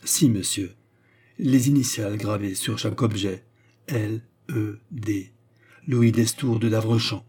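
A man voicing a composed, politely ironic French gentleman in a storybook reading, with a mellow, husky voice. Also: fairly low pitch, a little slow. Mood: calm courtesy. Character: calm, courteous French gentleman.

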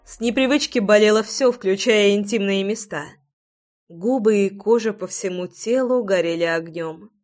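A woman's voice: medium pitch, normal speed, a little mellow, faint music behind. A woman reading a first-person romance audiobook in an intimate, reflective way. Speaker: audiobook narrator.

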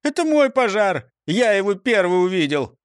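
A high, squeaky little fireman creature who keeps sneezing and grumbling, put on by a man reading a storybook. His voice leaps up and down in sudden bursts, recorded close and dry. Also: big pitch swings, normal speed, no room sound. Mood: sulky. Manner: sneezes, squeaky sulky outbursts. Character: sneezy grumpy little male fire-brigade creature.

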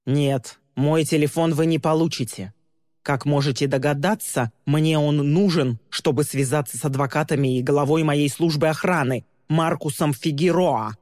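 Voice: medium pitch, normal speed, darkish tone, close to an everyday voice. An enraged wealthy homeowner barks demands and threats in an indignant roar, as an audiobook reader puts him on. His lines land close and dry, with a long reverb tail behind them. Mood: defiant. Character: brash wealthy middle-aged man, furious.

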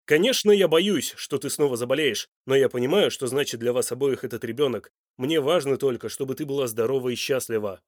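A man's voice: mid-range voice, a little fast, few pauses, no room sound, studio quality, natural voice. A man voicing a hot-tempered, demanding son. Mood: angry. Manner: loud, sharp, demanding.

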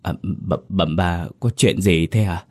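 A humble, trembling mother in a spoken ghost story, begging for mercy for her daughter, as a deep-voiced narrator puts her on. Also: takes it slowly. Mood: desperate pleading. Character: humble middle-aged mother, trembling and pleading.

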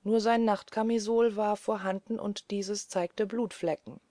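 A woman reading a classic novel aloud as an audiobook narrator, calm and even. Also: mid-range voice, unhurried, no echo.

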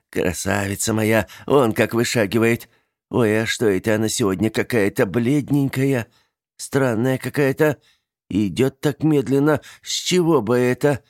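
A man reading an audiobook voices a fussy elderly aunt with a fierce temper, shrill and scolding. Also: a little mellow, no room sound, studio quality, lightly acted.

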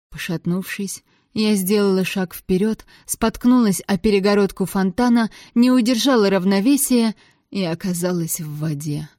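A woman reading a novel aloud in the first person, in an expressive, measured storytelling manner on a close mic. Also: mid-range voice, no echo. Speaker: audiobook narrator. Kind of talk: first-person audiobook narration.

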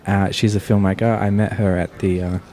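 A podcast host with a very low, mellow voice. He rambles through his questions in a loose, casual way, padding them with ums and uhs. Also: level tone, fairly quick. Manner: rambling, chatty, many fillers. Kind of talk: casual interview.

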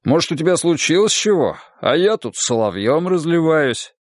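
A man's voice: big pitch swings, normal speed, no echo, studio quality. A man voicing a boisterous, well-off middle-aged man who pushes his help on an old friend, in an audiobook. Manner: hearty, pushy, higher and louder than the narration.

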